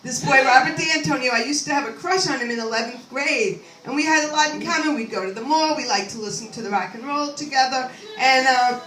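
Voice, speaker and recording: On a comedy club stage, an older woman rattles through a rambling set with a high, pushed, bright voice, talking fairly quickly with hardly any pauses. She pokes fun at herself and keeps chatting to the audience in asides. The room echoes, the mic sits at a distance, and there's faint ambience plus a little hiss or hum.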